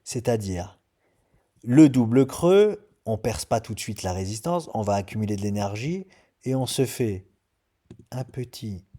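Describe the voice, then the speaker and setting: Male trading host, casual chart breakdown, emphatic and repetitive, dark mellow voice. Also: lowish voice, animated, unhurried. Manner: emphatic, loose and chatty, repeats his point.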